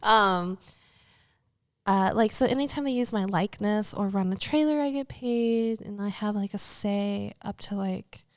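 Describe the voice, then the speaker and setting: A woman's voice: medium pitch, measured pace, clean tone, dry recording, studio quality. A woman who is a guest on a casual interview podcast, chatty and profane, and she laughs easily.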